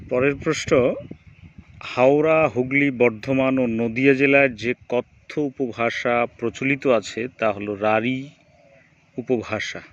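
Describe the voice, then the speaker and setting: A male teacher running through exam questions, reading each question and then giving its answer in a steady drilling rhythm. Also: mid-range voice. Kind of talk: exam quiz review lesson. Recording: dull lo-fi recording, faint background noise.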